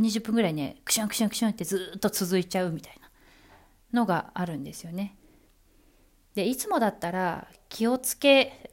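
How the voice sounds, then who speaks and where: Chatty woman hosting a solo talk show. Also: mid-range voice. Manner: chatty, many fillers, playful asides. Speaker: announcer and podcast host.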